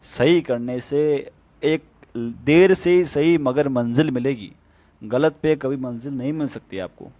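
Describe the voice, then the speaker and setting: A man's voice: medium pitch, darkish tone, no echo. A man who teaches stenography gives a casual spoken tutorial with plain, step-by-step tips.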